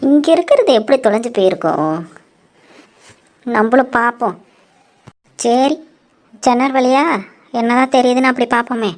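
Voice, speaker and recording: A woman with a fairly high voice plays a brisk, bossy village woman in a cartoon. She talks sharply and briskly, scolding and ordering people about. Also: darkish tone. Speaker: cartoon narrator and voice actor. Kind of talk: cartoon voice acting.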